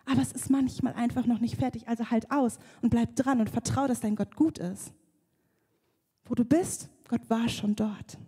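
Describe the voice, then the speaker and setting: A woman's voice: on the high side, moderate pace, warm tone, breathy edge. A young adult woman preaching a sermon with vivid storytelling, now and then acting out prayers. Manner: vivid storytelling, acts out prayers and a crying baby. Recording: long church hall reverb.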